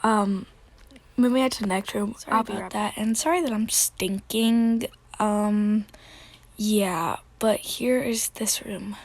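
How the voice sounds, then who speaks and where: A woman's voice: mid-range voice, steady tone, unhurried. A young woman with a slightly cracky voice, giving a casual, hesitant, rambling commentary as she hosts a game tour. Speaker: video host.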